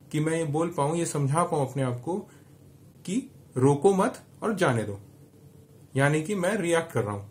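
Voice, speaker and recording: A man's voice: fairly high pitch, darkish tone. A man giving an earnest motivational talk, explaining with everyday examples as a leadership coach.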